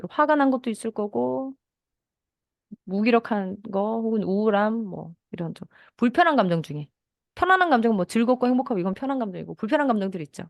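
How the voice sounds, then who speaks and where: A woman giving a lecture to teachers on children's feelings, gently acting out soothing lines a teacher would say to a child. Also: medium pitch, dry recording, clean studio sound. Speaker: mindfulness and parenting educator.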